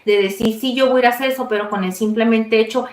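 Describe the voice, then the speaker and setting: Woman, casual storyteller, slightly high voice, confiding and animated, echoey room. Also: fast. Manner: chatty, confiding, animated retelling.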